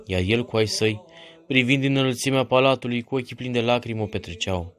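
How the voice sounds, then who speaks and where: A man giving a solemn, measured devotional reading of a saint's legend. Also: mid-range voice, fairly bright tone, soft background music. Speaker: reader of a saint's life.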